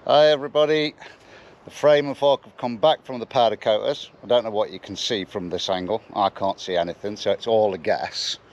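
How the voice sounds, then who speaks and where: A man's voice: on the low side, steady tone, fairly quick, darkish tone, lo-fi sound, slight background noise. A man in his forties with a broad Derbyshire accent from the East Midlands, chatting casually to camera in a jokey, slangy way. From Derbyshire, England. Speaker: vlogger presenting a bike restoration. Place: mostly outdoors in a garden, some in a wooden shed workshop.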